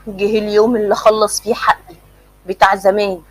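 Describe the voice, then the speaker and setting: A woman's voice: mid-range voice, flat delivery, brisk, dry recording, faint music behind, close to an everyday voice, rough recording. A woman voicing a male mad inventor who gloats with menace. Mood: gloating. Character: mad inventor man, bitter old schoolmate.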